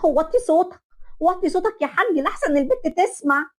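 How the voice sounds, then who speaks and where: A woman's voice: very high-pitched, expressive, quick pace, darkish tone, voice pushed up. A woman voicing a worried mother of the bride with an Egyptian accent, fretful and pleading. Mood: anxious.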